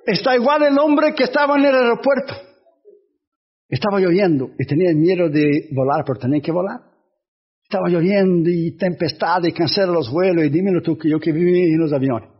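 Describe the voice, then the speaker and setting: A man preaching a sermon as a pastor, telling animated stories and imitating sounds. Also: high-pitched, brisk, breathy edge, lo-fi sound.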